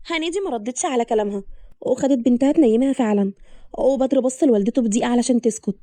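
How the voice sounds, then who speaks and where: A woman narrates a story in a brisk, rushing delivery. Her voice sits a little high and sounds mellow. The recording is dry and close. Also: no echo.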